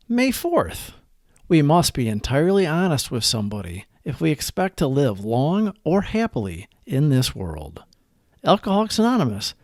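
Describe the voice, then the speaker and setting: Reading a scripted reflection for a daily recovery program, a man with a slightly high voice uses very lively, varied intonation. He sounds earnest and measured, placing each phrase deliberately, and the recording is close and dry.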